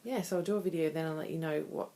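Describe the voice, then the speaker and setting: A woman's voice: sits low, very fast, mellow. A woman in her thirties talking candidly and conversationally in a casual personal video diary. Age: 30s. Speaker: vlogger.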